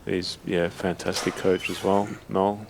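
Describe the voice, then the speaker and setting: A man's voice: low voice, level tone, a little slow, vocal fry, a little hiss or hum. A man from Australia commentating a snooker match live, easygoing and prompting his co-commentator.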